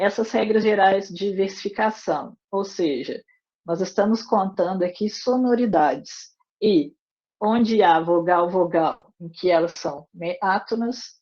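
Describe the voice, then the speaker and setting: A woman teaching a literature class online, explaining step by step and often adding quick tag questions. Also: mid-range voice, darkish tone. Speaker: literature lecturer. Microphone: wireless earbuds on a video call. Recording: dull lo-fi online call audio.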